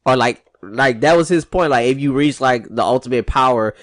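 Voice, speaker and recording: A man's voice: medium pitch, normal speed, dry recording, clean studio sound. A man in his thirties co-hosting a casual podcast, who argues his points and retells movie plots with many restarts. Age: 30s. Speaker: podcast co-host. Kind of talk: casual chat.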